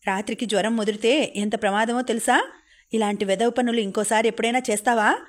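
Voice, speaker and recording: A woman voicing a strict widowed father who scolds his children gruffly, in an audiobook reading. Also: fairly high pitch, fairly even intonation, fast, close to an everyday voice. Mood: stern scolding.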